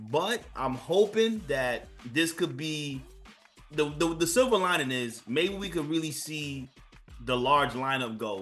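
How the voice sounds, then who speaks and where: A man's voice: mid-range voice, a bit bright. A man co-hosting a sports podcast in casual chat, joking and sarcastic, often stumbling and repeating words. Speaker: podcast co-host.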